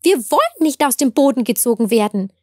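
A little blade of grass speaks up from the earth in a bright, lifted voice, patient and gently instructive, as a woman puts it on. The tone is breathy and close, in a dry room with no echo. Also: high-pitched, very animated, brisk, voice pushed up. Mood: earnest. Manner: earnest, gently admonishing.

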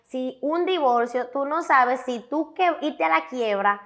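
Young woman, Dominican accent, high voice, emphatic, candid interview guest. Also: measured pace. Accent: Dominican Spanish. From Dominican Republic. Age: young adult. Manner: animated, emphatic storyteller.

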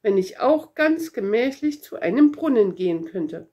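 A woman's voice: medium pitch, sing-song, moderate pace, dark tone. A woman voicing a thirsty, stranded pilot who sounds weary and worried in a storybook read-aloud.

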